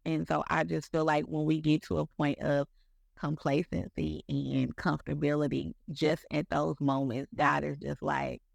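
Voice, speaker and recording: In a rambling podcast conversation about faith, someone in their mid-thirties keeps repeating words and filling gaps with "like" and "you know." Their medium-pitched voice holds a level tone at moderate pace, with vocal fry and no room sound.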